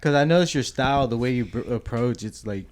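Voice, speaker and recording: A man hosting a podcast in casual chat, asking short relaxed questions and backing the guest with many short replies. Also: medium pitch, a little fast. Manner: relaxed, asks short questions, lots of backchannel. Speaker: podcast host.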